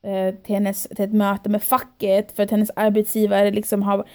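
A young woman and podcast guest in casual chat, telling a story in lively detail, acting out what she and others said and dropping into English phrases. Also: medium pitch. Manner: animated storytelling, quoting herself and others.

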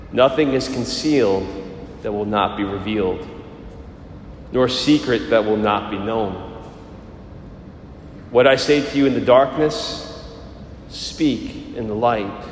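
A man preaching from the pulpit of a large church, his mid-pitched voice ringing out into a long, echoing reverb. He speaks in a measured way and slows down to stress key lines. Faint church ambience sits behind him. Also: a little hiss or hum. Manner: measured, slowing down for emphasis. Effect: echoing church acoustics. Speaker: priest. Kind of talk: gospel reading and sermon.

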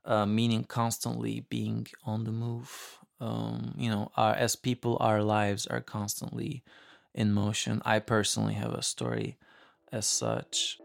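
A man from Turkey speaks as a musician guest explaining his work. His low voice is smooth and resonant, with plenty of vocal fry. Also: completely flat delivery, a little slow. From Istanbul, Turkey. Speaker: guest musician, composer and producer. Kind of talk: interview talk about his music. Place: home studio.

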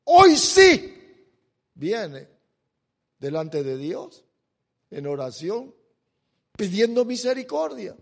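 High-voiced impassioned male preacher. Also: expressive, takes it slowly, gravelly, pauses often. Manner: impassioned, swings from loud pleading to quiet asides; repeats "mire" to address listeners. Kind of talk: sermon.

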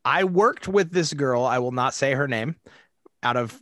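A man's voice: mid-range voice, normal speed, fairly bright tone, no echo. A man casually chatting as a podcast co-host, rambling with lots of fillers and laughing easily. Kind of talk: casual chat.

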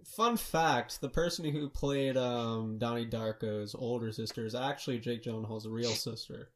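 A man's voice: mid-range voice, steady tone, moderate pace, slight background noise. A man co-hosting a casual film review podcast, teasing his friends and swearing freely. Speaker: podcast co-host.

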